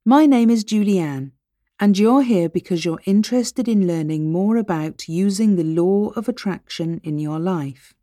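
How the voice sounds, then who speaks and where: A woman reading a scripted hypnosis narration as presenter, with measured, deliberate phrasing that speaks directly to the listener. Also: mid-range voice, dark tone, dry recording, clean studio sound.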